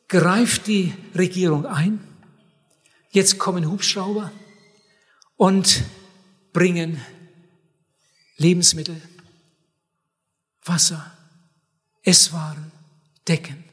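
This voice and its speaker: A man preaching a sermon in an earnest, emphatic way, addressing his listeners warmly as dear ones. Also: high voice, slow pace, pauses often, slightly rough. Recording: long hall reverb.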